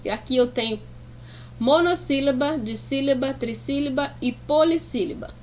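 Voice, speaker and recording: A woman's voice: high-pitched, a little hiss or hum. A woman teacher explaining a lesson to pupils, affectionate and sounding out words syllable by syllable. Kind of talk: slow, deliberate classroom explanation.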